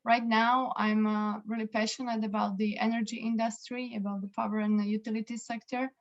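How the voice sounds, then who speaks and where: A woman's voice: a little high, little pitch movement, brisk, dull audio. A woman from Slovakia introducing herself earnestly, repeating words as she searches for them. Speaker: interview guest, energy consultant. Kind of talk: self-introduction on a video call.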